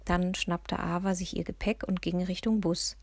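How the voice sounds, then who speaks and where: A woman's voice: lowish voice, normal speed, dry recording. A woman narrating a children's story in the first person, bringing the dialogue to life. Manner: lively storyteller voicing the dialogue. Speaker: audiobook reader.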